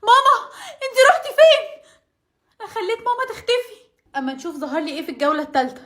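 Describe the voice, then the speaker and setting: A woman with an Egyptian accent voicing the lead girl of a cartoon story, excitable and dramatic. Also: extremely high pitch, raised voice. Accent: Egyptian Arabic. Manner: excitable, dramatic, quick to exclaim. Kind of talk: cartoon voice acting.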